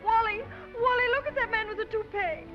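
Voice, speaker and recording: An ingenuous small-town American girl in screwball comedy banter. Her voice is extremely high, earnest and wistful. The old 1930s film soundtrack is dull, with loud music behind her. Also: animated, brisk. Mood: flustered. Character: naive, wistful small-town young woman.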